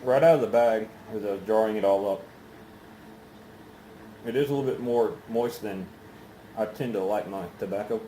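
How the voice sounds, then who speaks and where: A man chatting casually through a solo review in an unhurried, halting, rambling way, with pauses. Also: lowish voice, warm tone. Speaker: pipe tobacco reviewer. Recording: roomy echo, faint background noise.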